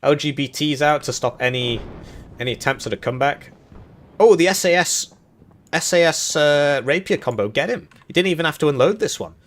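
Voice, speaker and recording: Slightly high-pitched and animated, this young male caster keeps a brisk pace while hosting a live tournament stream. His commentary is casual and rambling, full of jokes, with chuckles slipped in between lines.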